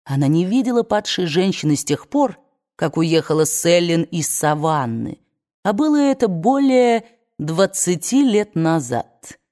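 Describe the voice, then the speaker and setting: A woman narrates a novel as an audiobook in a fairly low voice. Her reading is measured and expressive. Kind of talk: scripted narration.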